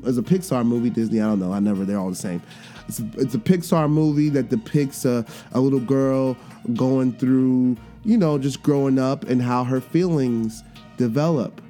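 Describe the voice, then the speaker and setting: A man in his thirties hosting a podcast, talking candidly in a casual monologue, telling stories animatedly and laughing at himself. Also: medium pitch. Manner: animated storytelling, acts out voices, laughs at himself. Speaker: podcast host.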